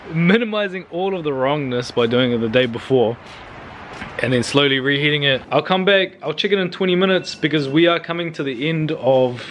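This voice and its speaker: A young man chats in an easygoing, slangy way, cursing casually as he cooks. He holds the camera close, and there is a steady hiss of outdoor noise behind him. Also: fairly high pitch. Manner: laid-back, slangy, swears casually. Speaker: cooking vlogger. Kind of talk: casual cooking vlog. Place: outdoor backyard by a grill and indoor kitchen.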